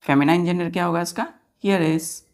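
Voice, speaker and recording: A woman teaches grammar a little fast in a lowish, slightly mellow voice. She spells words letter by letter, repeats every answer, and checks repeatedly that the students follow along.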